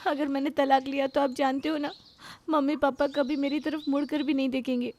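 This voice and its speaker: A timid, frightened young wife, voiced by a woman in a cartoon story, pitched high with a gravelly edge. She sounds slightly distant from the mic, with faint noise behind her. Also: fairly quick, a little mellow. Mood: fearful. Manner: meek, fearful.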